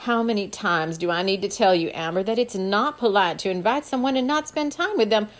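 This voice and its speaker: A woman's voice: medium pitch, fairly quick, lightly acted. A controlling middle-aged mother scolds in a firm voice, as a woman reading the story puts her on. She sounds wealthy and strict. It is a storybook reading. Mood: scolding.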